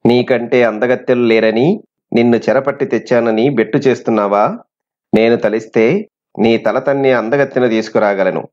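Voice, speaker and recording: A man's voice: mid-range voice, a little mellow, natural voice. A man voicing a cruel, boastful male sorcerer with a threatening, gloating manner, on a dull lo-fi recording. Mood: pleading.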